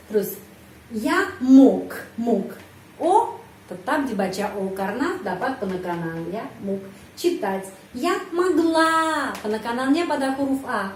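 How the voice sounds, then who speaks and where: Fairly high-voiced woman teaching slowly. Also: a little hiss or hum. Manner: explains patiently, slowly sounds out example words. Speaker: Russian language teacher. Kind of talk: language lesson. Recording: echoey room.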